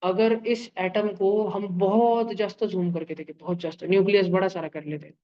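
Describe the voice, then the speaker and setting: A man's voice: sits high, fairly even intonation, fairly quick, highs cut off. A man teaching chemistry to a class in a playful way, with sound effects, homely comparisons and frequent checks that students follow. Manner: keeps checking with students through questions. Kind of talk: live online class lecture.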